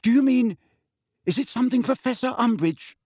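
A man voicing a timid teenage schoolgirl who speaks in a hushed, hesitant way. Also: extremely high pitch, expressive, normal speed, husky, no room sound, clean studio sound, voice pushed up, full character voice.

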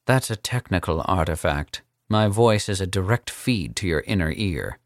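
A male narrator voices a suave older captor, cold and amused, in a very low, smooth voice, drawling every line with easy condescension. The delivery is expressive and normal in speed, calm yet menacing. The sound is close and dry with no echo.

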